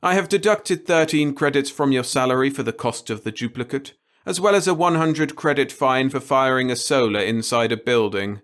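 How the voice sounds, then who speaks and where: A male narrator lightly acts out a tyrannical old boss from a sci-fi audiobook, raising his pitch slightly brightly and pressing hard on each phrase. Gloating with open glee, he lectures and browbeats his listener at normal speed with hardly any pauses.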